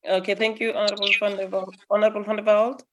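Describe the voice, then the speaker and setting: A woman's voice: mid-range voice, level tone, quick pace. Woman chairing a committee meeting.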